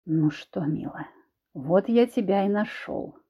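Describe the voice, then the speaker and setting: Audiobook villain: controlling husband, voiced by a woman, low, slow, quietly menacing, in a dull lo-fi recording. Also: husky. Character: menacing controlling husband, grown man, smug and cruel.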